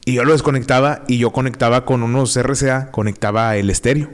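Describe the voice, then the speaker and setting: Speaking a little fast in a mid-range voice, a young man from Monterrey shares childhood tales on a podcast. His northern Mexican delivery is casual and slangy, and he animatedly performs the quoted lines.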